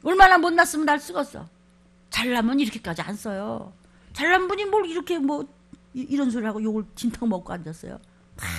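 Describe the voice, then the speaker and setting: Woman pastor, high-pitched, fiery sermon delivery with sudden shouts and quiet scolding. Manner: swings from quiet asides to shouted scripture, scolding. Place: church.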